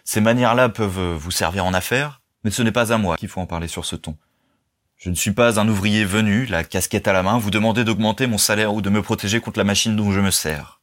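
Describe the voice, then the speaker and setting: A man reading aloud and voicing a bold young orator in a novel, speaking with steady force. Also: lowish voice, fairly quick, lightly acted. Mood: commanding. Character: bold young male orator, calm and commanding.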